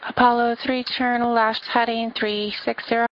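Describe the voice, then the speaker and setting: A woman working as an air traffic controller on the radio, giving clipped procedural instructions in an even delivery. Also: moderate pace. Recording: muffled low-fidelity radio audio.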